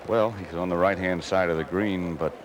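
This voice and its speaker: A deep-voiced man delivers measured tournament commentary as a golf commentator. Behind him is the clear noise of an outdoor 1980s broadcast. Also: steady tone.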